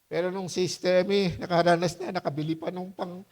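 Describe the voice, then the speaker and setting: A man preaching a sermon as pastor in a loose, conversational way, often asking the congregation questions and laughing as he tells stories. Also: fairly quick. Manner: lively, with high-pitched voiced quotes and laughter.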